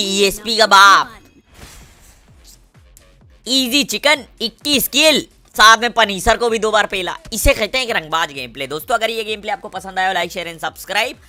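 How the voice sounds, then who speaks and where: A man with a Kanpur Hindi accent commentating his mobile gameplay, with swaggering, crude trash talk and shouts at enemies. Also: sits high. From Kanpur, India. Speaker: mobile gamer.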